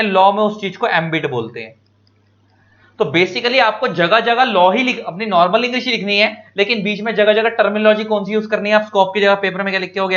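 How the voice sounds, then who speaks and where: Male tutor, high voice, animated and repetitive exam-prep lecture, slightly muffled lo-fi recording. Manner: animated, repeats key points, mixes English terms into Hindi. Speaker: law teacher.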